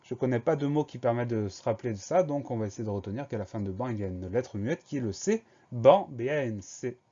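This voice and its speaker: A man teaching a spelling lesson for young schoolchildren, going slowly and spelling each word letter by letter. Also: mid-range voice, lively intonation, mellow, breathy edge, lo-fi sound. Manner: slow, spells words letter by letter.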